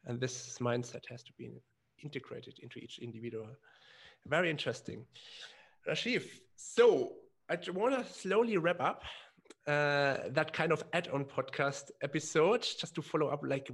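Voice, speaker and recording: A man's voice: mid-range voice, moderate pace, creaky, a bit bright, breathy edge. A man hosting a podcast interview, asking long, hesitant questions full of fillers and restarts. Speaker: podcast host.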